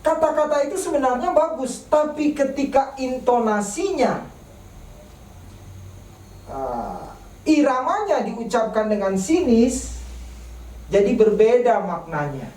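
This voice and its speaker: Slow, deliberate woman preaching in an echoey church. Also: fairly high pitch, expressive, dark tone. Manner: slow, deliberate delivery with rhetorical questions. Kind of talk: church sermon. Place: church service broadcast online. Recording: echoey church room, mic at a distance.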